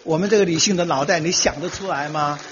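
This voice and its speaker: A man's voice: on the high side, quick pace, a bit bright. A middle-aged man giving a humorous talk to an audience, telling stories animatedly, acting out quoted voices and laughing often. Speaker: speaker giving a talk on marriage. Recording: dull lo-fi sound with long hall reverb.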